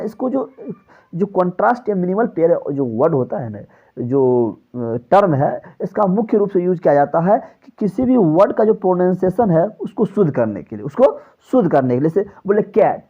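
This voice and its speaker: A male teacher giving an exam-prep lecture, who keeps asking his own questions and answering them and lets his voice drop at the end of phrases. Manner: drops pitch on closing phrases. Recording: slightly dull, lo-fi recording.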